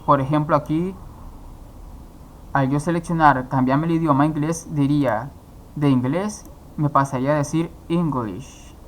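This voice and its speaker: A man's voice: a little high, slight background noise. A man teaching a coding course, explaining each step and asking himself questions before answering them. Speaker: programming instructor. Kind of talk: screen-recorded coding tutorial.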